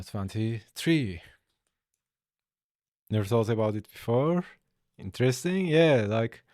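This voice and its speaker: A young man streaming his drawing session, chatting casually and answering viewers in a relaxed, easygoing way. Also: on the low side, dry recording, studio quality. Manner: laid-back, chatty, answers chat aloud. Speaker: art streamer. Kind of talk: casual livestream chat while drawing.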